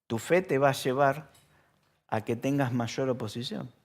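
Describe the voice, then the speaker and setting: A man with a Rioplatense Spanish accent preaching a sermon in a church, talking casually, asking the congregation questions and acting out shouted lines. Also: mid-range voice, measured pace. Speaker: pastor.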